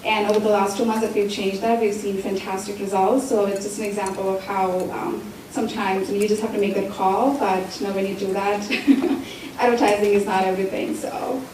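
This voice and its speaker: A woman's voice: mid-range voice, flat delivery, brisk, few pauses, a little mellow, slight background noise. A woman who founded a company, speaking hesitantly with many fillers on a discussion panel. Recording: echoey hall, distant mic.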